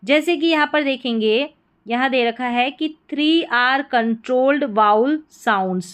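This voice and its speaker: A woman explains pronunciation rules to beginners, patient and methodical, restating each point more than once. Her voice is smooth and clear and sits a little high. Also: slow pace. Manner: patient, repeats points in several words. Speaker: English teacher.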